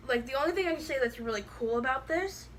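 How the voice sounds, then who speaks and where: Talking fast in a high, lively voice, this woman bluntly rambles through a casual product review packed with "like." A lisp makes her s slushy, and faint hiss or hum sits under the recording.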